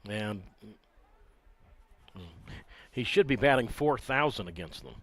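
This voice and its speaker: A man calling live baseball play-by-play from the ballpark, relaxed and conversational, with dry sarcastic asides. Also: mid-range voice, slow pace, no room sound. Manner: conversational, wry asides, filler "uh" between counts. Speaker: play-by-play announcer.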